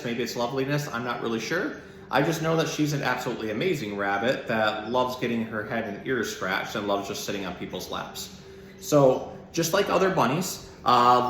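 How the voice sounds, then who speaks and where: A man with a medium-pitched, pushed and bright voice gives simple, child-friendly explanations and reads from a storybook in the informal style of an animal educator. The recording has a roomy echo and some background noise.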